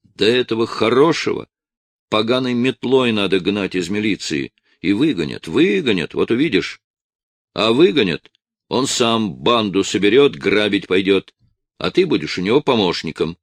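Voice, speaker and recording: A man reading an audiobook voices an angry wife, raising his pitch and volume as she nags, sneers and shouts with hatred. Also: sing-song, normal speed, dry recording. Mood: hateful. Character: angry nagging wife, shrill and spiteful.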